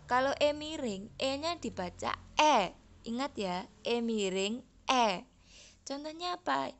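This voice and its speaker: Slow, deliberate Javanese woman teaching. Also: high voice, expressive. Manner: slow, deliberate, spells out example words one by one. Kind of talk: online Javanese language lesson.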